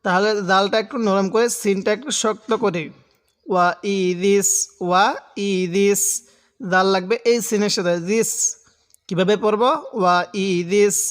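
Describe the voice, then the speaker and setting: A man with a high-sitting voice teaches Quran reading, spelling out syllables and drawing them out slowly as he recites. His explanations are patient and step by step, and the audio has a long reverb tail.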